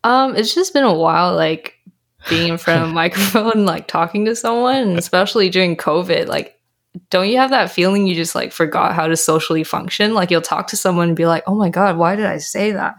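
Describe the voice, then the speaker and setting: A young Canadian woman who works as a health coach chats casually as a guest on a podcast interview. She's bubbly, laughs often and says "like" and "um" a lot. Her voice is on the low side, and she talks briskly.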